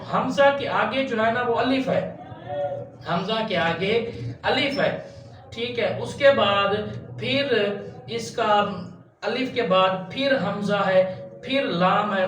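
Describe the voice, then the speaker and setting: Male tajweed teacher, high voice, unhurried, chants syllables; echoey room, a bit far from the mic. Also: a bit bright. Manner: slow and patient, spells out letters and chants drawn-out syllables. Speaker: Quran recitation teacher. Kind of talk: step-by-step tajweed lesson.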